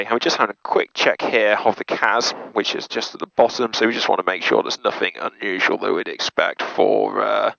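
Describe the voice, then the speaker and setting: A man with a fairly low, pushed and bright voice and no room sound presents as a pilot. He works through hands-on cockpit checks methodically, item by item, in a small turboprop cockpit. Aircraft noise is clear on the muffled audio.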